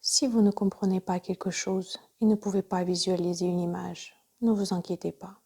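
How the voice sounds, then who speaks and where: In a lowish, husky voice, a female instructor walks listeners through a yoga nidra relaxation. Her speech is quiet and breathy, often bordering on a whisper, delivered in brief, calm, measured lines.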